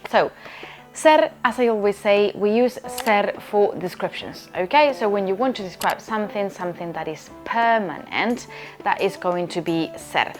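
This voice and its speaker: A woman's voice: medium pitch, lively intonation, moderate pace, soft background music. A woman from Spain, a language teacher explaining grammar in an online lesson, often checking in with "okay?". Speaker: Spanish teacher.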